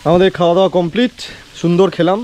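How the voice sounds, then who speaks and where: Bengali guy vlogging, slightly high voice, super quick chatty talk, repeats himself. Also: steady tone, a little mellow, faint music behind. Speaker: travel vlogger. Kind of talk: casual vlog narration. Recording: clear background noise, echo in big hall.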